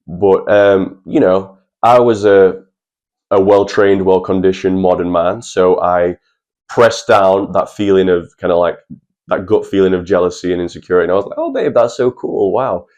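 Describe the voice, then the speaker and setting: Deep-voiced young man. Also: a little mellow. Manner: earnest, chatty, addresses viewers as lads. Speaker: channel host. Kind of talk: personal advice vlog.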